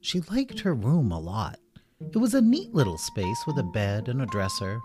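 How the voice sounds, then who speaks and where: A man hosting a podcast and narrating a children's story in an animated, playful way. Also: medium pitch, normal speed.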